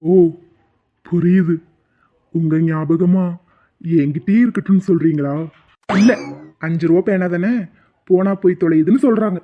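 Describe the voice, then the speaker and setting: A man's voice: sits high, normal speed, long pauses, a little hiss or hum, lightly acted. A man voicing an awkward young office worker with a crush in a cartoon, hesitant and fumbling. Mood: sheepish. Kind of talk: cartoon voice acting. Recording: tinny phone-like audio.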